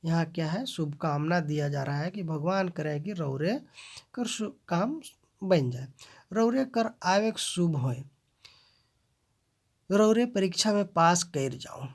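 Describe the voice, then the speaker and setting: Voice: medium pitch, lively intonation, slow. A teacher reading and explaining example sentences. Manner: reads each example sentence aloud, then translates and explains it; addresses viewers as friends. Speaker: language teacher. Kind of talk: explaining grammar in a video lesson.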